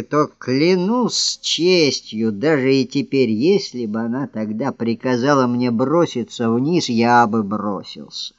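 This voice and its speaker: A male narrator reads a classic novel in first person, slow and measured, with a mid-range voice. The recording is dry and close, with a dull, lo-fi sound. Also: mid-range voice, dry recording. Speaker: audiobook narrator.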